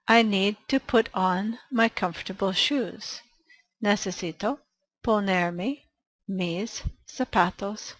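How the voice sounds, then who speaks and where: A woman gives a bilingual language lesson at a very slow, deliberate pace, pausing after each phrase. Her voice sits at a middle pitch, and she reads each line carefully. is her tongue. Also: a bit bright, low-quality recording. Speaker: English teacher.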